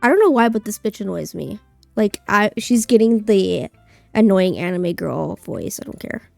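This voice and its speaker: A woman's voice: mid-range voice, expressive, moderate pace, vocal fry, darkish tone, no room sound, soft background music. A woman streaming a game playthrough, casually commenting as she reads, with blunt, sweary, sarcastic asides.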